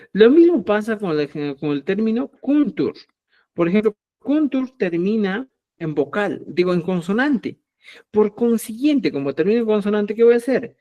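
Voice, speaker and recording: A man teaching a live language class. He explains patiently, says example words slowly and checks often that the students follow. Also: high voice, warm tone.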